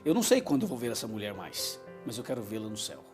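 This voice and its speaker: A man's voice: mid-range voice, very animated, fast talker, over music. A man, a pastor telling emotional anecdotes as a TV interview guest and acting out what people said. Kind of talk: storytelling in a TV interview.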